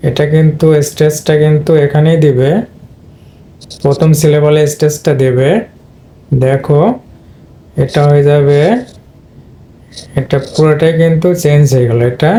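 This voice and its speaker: Male teacher, mellow, fairly high voice, explains step by step and repeats himself to students. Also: fairly even intonation, normal speed, pauses often. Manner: repeats and addresses students directly. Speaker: English pronunciation teacher. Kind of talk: explanatory lesson.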